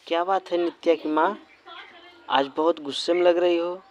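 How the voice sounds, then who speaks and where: A man's voice: fairly high pitch, steady tone, moderate pace, muffled recording, slight background noise, close to an everyday voice. A man voicing a proud, poor village father. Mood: caring. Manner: loud, earnest, gentle to his daughter.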